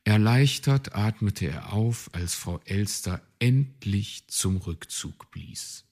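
A man reading a children's storybook aloud as narrator, lively and expressive. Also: fairly low pitch, takes it slowly.

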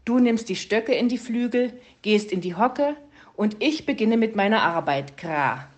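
A woman reading a storybook and voicing a fussy, scholarly male raven who croaks "Kra" at the end of his sentences. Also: medium pitch, animated, measured pace, natural voice.

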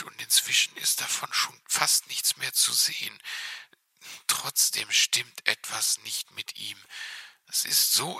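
A man's voice: mid-range voice, creaky, breathy edge, no room sound, voice pushed down, heavily acted. Whispering little fox cub, whispered role-play, a man doing him. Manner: hushed, conspiratorial. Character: young male fox cub, timid and whispering.

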